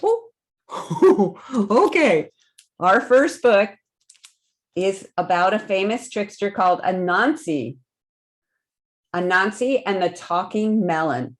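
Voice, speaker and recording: A woman reads stories aloud to young children over a video call, using simple, encouraging phrases in an animated read-aloud style. Her medium-pitched voice swings widely in pitch, and she reads slowly with frequent pauses.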